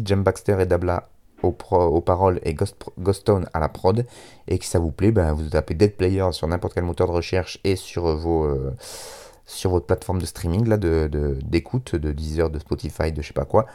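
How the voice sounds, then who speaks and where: Male radio host, French accent, deep mellow voice, casual solo presenting, hesitant and self-deprecating. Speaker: radio music show host.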